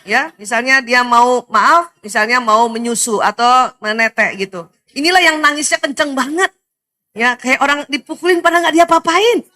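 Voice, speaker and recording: A middle-aged woman from Indonesia giving a lively religious talk to women, animated, often laughing and speaking straight to her listeners. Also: sits high, normal speed. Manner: animated, laughs often, addresses audience directly.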